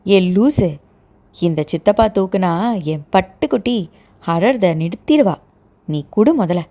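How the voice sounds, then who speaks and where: Teasing young brother in an audio novel, woman doing the voice, lively mocking delivery. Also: mid-range voice, unhurried. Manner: mocking, joking.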